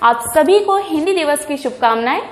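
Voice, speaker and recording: A woman with a high voice gives a school speech in an echoey room. She explains carefully and lists examples slowly, over faint background noise. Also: expressive. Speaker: school teacher. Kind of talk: Hindi Day speech.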